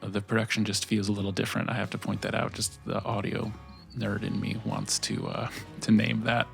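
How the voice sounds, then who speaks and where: A male podcast host speaking softly in his quiet early-morning voice, telling stories in a relaxed way with many fillers. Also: lowish voice, fairly quick, creaky, soft background music. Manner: relaxed, filler-heavy storytelling. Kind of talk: podcast intro and interview.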